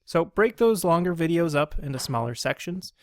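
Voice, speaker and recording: A man hosting a training video in a slightly high voice, slowing down and enunciating each word with care. He sounds close to the mic, and the dry recording has almost no room sound. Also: expressive, no room sound. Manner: slow, deliberately enunciated presenting voice. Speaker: instructional video host. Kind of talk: scripted training tutorial.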